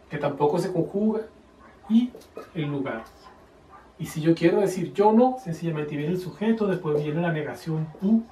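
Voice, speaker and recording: A man teaching a casual video lesson who slowly explains grammar and spells out example phrases. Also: a little high, darkish tone, a little hiss or hum. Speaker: Chinese teacher. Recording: echoey room, voice a bit far from the mic.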